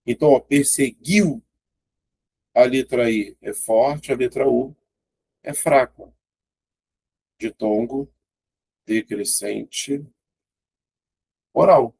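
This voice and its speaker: A man's voice: medium pitch, vocal fry, a little mellow, slightly rough. A man with a Brazilian Portuguese accent teaching an exam-prep grammar lesson in a casual, chatty way, often pointing things out and checking in with his students.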